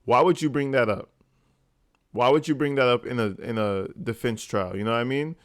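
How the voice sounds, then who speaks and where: A man's voice: mid-range voice, moderate pace, no room sound, studio quality. A man giving informal, incredulous commentary as a video host, swearing casually.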